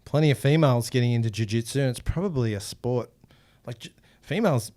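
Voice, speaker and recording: Relaxed chatty male podcast host. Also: medium pitch, quick pace. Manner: relaxed, chatty, laughs easily. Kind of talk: casual podcast interview.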